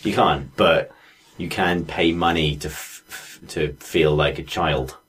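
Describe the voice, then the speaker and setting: Very deep husky man. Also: takes it slowly, a bit bright. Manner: profane, emphatic, laughs often. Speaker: podcast co-host. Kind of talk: casual podcast chat.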